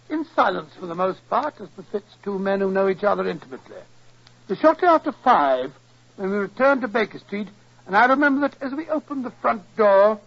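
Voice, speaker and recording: Elderly British doctor, high voice, genial, bumbling, stammering, vintage radio drama, dull old recording. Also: male voice, creaky, fairly bright tone, full character voice. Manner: bumbling, stammering, repeats himself. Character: elderly genial doctor telling tales of his detective friend. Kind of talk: 1940s radio acting.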